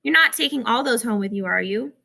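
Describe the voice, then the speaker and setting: A woman's voice: a little high, animated, a little fast, creaky, bright, forceful tone, heavily acted. A woman doing a grumbling, tired dad. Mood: dismissive. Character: weary middle-aged father, grumbling janitor.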